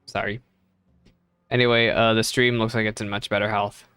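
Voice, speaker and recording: A man with a lowish, smooth voice speaks at normal speed with a level yet sharp tone, and there's no room sound. He's streaming a casual game reaction from a temporary home setup on a desk microphone, chatty and self-deprecating.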